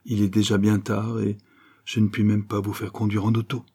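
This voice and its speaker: A man voicing a stout, jovial businessman who talks in a hurried, apologetic way, with a low, husky voice. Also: completely flat delivery, warm tone. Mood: flustered.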